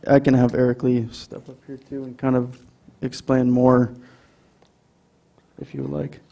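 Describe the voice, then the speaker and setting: A man's voice: mid-range voice, completely flat delivery, unhurried, gravelly, warm tone. A man with an Upper Midwest American accent presenting an item to a city council, with many ums and restarts. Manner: hesitant, many fillers. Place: council chamber.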